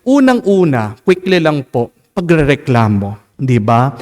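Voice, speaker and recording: A male Filipino priest with a Filipino accent preaching a homily at Mass, mixing English and Tagalog, asking the people "Amen?", and moving from soft low asides to high, emphatic lines. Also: big pitch swings, a little slow. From Philippines. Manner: mixes English and Tagalog, asks the congregation "Amen?". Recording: long church reverb.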